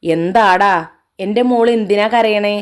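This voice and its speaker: A woman voicing a loving middle-aged father who speaks in a soft, reassuring way. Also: medium pitch, measured pace, clean tone, close to an everyday voice. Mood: tender.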